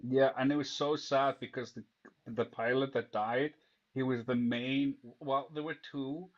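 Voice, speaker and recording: A man's voice: mid-range voice, fairly even intonation, measured pace, dull audio. A man from Iceland, a guest debater in casual chat, who knows his subject and often restarts his sentences.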